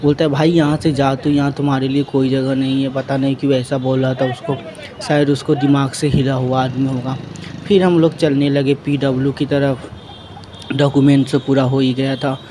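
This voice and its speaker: A man's voice: medium pitch, a little mellow, a little hiss or hum, poor audio. A young man narrates his vlog in a casual way and retells events with a lot of repetition. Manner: plain retelling in a loose, repetitive way. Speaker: vlogger.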